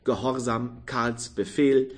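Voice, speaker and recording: Slow, measured male novel reader. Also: medium pitch, fairly even intonation. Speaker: audiobook narrator. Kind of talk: scripted narration of a novel.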